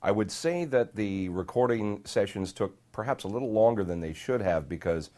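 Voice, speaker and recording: A man, a voice actor, telling relaxed and amused stories in an interview. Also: on the low side, moderate pace. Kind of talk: interview recollection.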